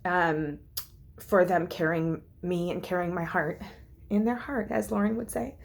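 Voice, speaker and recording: A woman's voice: fairly low pitch, fairly even intonation, unhurried, creaky, slight background noise. Heartfelt rambling woman vlogger. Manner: rambling, heartfelt, many fillers and restarts; close to tears at times. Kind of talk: casual vlog update.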